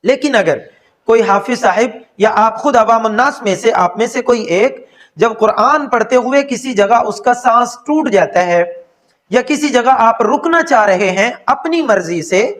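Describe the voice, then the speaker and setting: A man with a Pakistani Urdu accent teaches an online Quran lesson, and his voice sits very high. He explains patiently and slows right down to recite his examples. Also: expressive, a bit bright.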